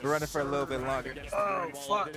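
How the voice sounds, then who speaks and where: A man in his mid twenties co-hosting a watch-party stream, animated and eager in casual chat. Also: on the high side, fast talker, over loud music. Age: 20s. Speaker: stream co-host. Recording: crowd noise in the background.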